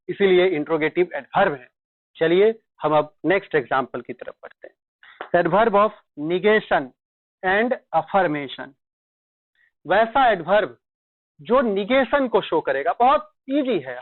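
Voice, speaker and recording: A man teaching grammar, slowly dictating examples and quizzing students with repeated questions. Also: high voice, dry recording. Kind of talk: classroom lecture in Hindi with English examples. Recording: dry tinny lo-fi sound.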